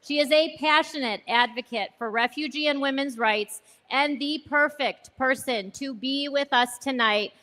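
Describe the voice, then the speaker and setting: A woman leading a charity, giving an earnest, measured welcome speech at a gala, thanking supporters and listing guests. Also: high voice, bright, forceful tone. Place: large gala ballroom. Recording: long hall reverb.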